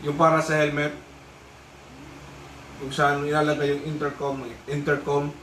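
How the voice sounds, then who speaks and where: This motorcycle intercom review comes from a man with a Filipino accent whose slightly high, fairly bright voice is monotone and unhurried. He explains casually and keeps repeating himself, recorded on a distant mic in an echoey room with faint noise.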